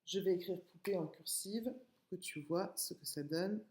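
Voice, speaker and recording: A woman's voice: fairly low pitch, normal speed, a little mellow, reverberant. A woman teacher with a French accent giving a patient, step-by-step writing lesson to young children, spelling out sounds and syllables. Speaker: kindergarten teacher.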